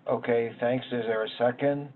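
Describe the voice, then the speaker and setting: A man's voice: mid-range voice, steady tone. Man chairing a teleconference meeting. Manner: measured, reads set phrases. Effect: heard over a teleconference line. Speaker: acting committee chair. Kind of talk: formal meeting procedure. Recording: tinny phone-line sound, faint noise.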